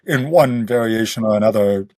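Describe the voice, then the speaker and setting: A guest author of western fiction explains things in detail during a casual podcast interview, keeping it conversational. His voice is lowish and a little mellow, at a normal speed, recorded with studio quality and no echo.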